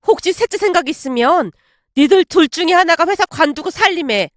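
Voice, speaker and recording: Fierce scolding mother, done by a woman narrator for a storytelling video; high, loud and biting, dry close sound. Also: sing-song, normal speed, dry recording. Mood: furious. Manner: scolding, shouting. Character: angry middle-aged mother, sharp-tongued and fierce.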